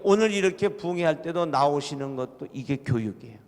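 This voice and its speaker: A man's voice: a little high, animated, fairly quick, darkish tone. A middle-aged man, a pastor giving a revival sermon in a church, telling folksy humorous stories with emphatic delivery. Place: church sanctuary. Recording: long church hall reverb.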